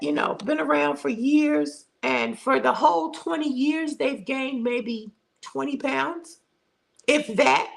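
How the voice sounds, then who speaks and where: A woman's voice: high-pitched, gravelly, poor audio. A middle-aged woman hosting a casual livestream chat from home. She talks in a chatty way, repeats words for emphasis and reads out viewer comments. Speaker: livestream host.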